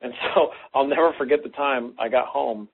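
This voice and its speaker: A man co-hosting a talk, teaching through an animated personal story and acting out quoted lines. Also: medium pitch, normal speed, gravelly, a little hiss or hum. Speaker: co-host. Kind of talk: conversational teaching. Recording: phone-like lo-fi line.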